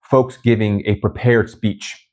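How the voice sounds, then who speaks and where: In a low, steady, darkish voice, a channel host tells his own story to the camera with reflective candor, pausing and restarting frequently. Japanese is his first language; he grew up in Japan with Brazilian parents.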